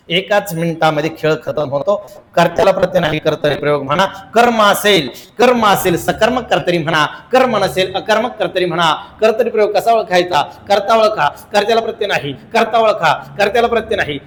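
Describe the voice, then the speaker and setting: A man's voice: sits high, fairly bright tone, echoey room, long reverb tail. A man teaching an exam-prep grammar lesson, chanting rules over and over with strong emphasis and a singsong rhythm.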